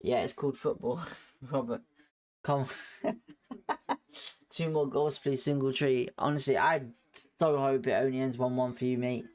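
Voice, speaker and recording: His voice is medium-pitched and a little mellow, fairly even, measured, with long pauses. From home he hosts a live fan watchalong, giving commentary on the match by calling the play and sharing hedged opinions.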